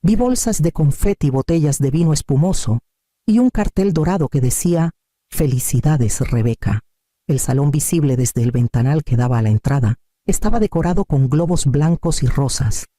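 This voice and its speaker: Male storybook narrator with a deep mellow timbre and a lively melody. Scripted and steady. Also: brisk, dry recording, clean studio sound.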